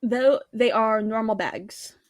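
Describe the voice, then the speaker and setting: A woman acting as game master, describing rooms and calling for rolls in a brisk, matter-of-fact way. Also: on the high side, no echo. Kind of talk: narrating a tabletop game.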